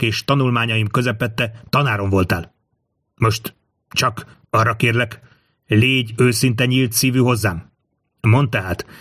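A man's voice: mid-range voice, fairly bright tone, dry recording, natural voice. A man voicing a proud, suspicious old king held captive, commanding and scornful by turns, in a dry close recording. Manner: commanding, scornful then pleading. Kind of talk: audiobook character reading.

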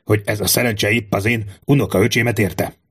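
Male reader doing a grumbling, boastful old-soldier type, low voice, storybook reading. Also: steady tone, a bit bright, breathy edge. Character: grumbling middle-aged male Scottish guard veteran.

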